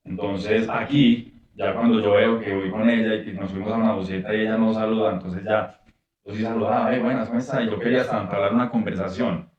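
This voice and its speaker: A man with a Colombian accent, a guest explaining things in a measured, casual way. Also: lowish voice, fairly even intonation, very echoey, recorded from a distance, muffled recording, a crowd in the background. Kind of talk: casual conversation.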